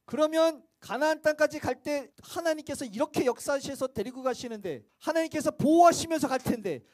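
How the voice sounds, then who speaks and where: A man's voice: extremely high pitch, brisk, no room sound. A man preaching a church sermon, talking conversationally and asking the congregation rhetorical questions. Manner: acts out quoted voices, sometimes shouting. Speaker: pastor.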